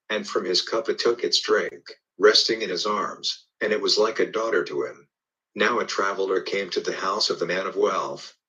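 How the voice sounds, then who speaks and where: A man reads scripture aloud in a steady, measured recitation. His voice sits very low yet comes across bright and forceful. The recording is dull and lo-fi. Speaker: scripture reader. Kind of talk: scripture reading.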